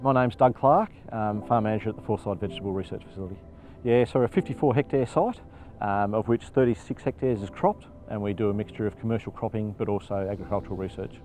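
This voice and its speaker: Fast-talking farm manager. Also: male voice, lowish voice, a little mellow, faint music behind. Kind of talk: interview.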